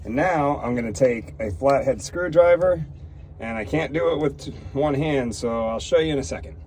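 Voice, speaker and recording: A man's voice: medium pitch, moderate pace, a little mellow, a little hiss or hum. A man working as an irrigation technician outdoors, casually explaining each repair step in a plain, practical way as he works. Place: outdoors at a job site.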